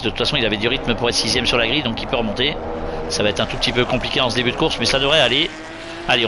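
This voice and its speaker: A man working as a motorsport commentator, calling a live race play-by-play with urgent warnings and recaps of the standings. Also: medium pitch. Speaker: motorsport commentator for an online sim racing league. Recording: clear car and engine noise. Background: racing car sounds.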